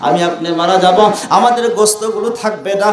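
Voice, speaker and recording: Fiery preacher, echoing sound. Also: male voice, high voice, quick pace. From Bangladesh. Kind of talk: fiery sermon. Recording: echoey, roomy sound.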